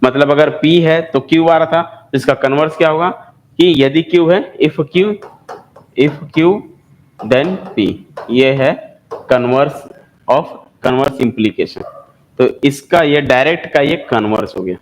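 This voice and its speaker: A man's voice: on the high side, unhurried, slight background noise, poor audio. A man with an Indian accent teaching a maths lesson, who repeats key terms and asks and answers his own questions. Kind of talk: classroom lecture.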